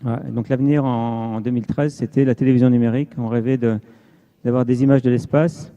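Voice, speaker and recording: A man's voice: medium pitch, fairly even intonation, fairly quick, warm tone. A man giving an informal technical presentation as an amateur radio volunteer, explaining and repeating points for emphasis. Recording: dull, muffled lo-fi sound.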